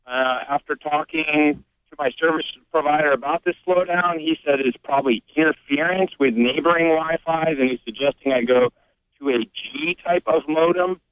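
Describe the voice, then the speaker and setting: A man's voice: a little high, moderate pace, no echo. A man calling in to a radio show on speakerphone from home, asking a question hesitantly with many fillers. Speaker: caller. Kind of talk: call-in question. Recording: dull speakerphone call.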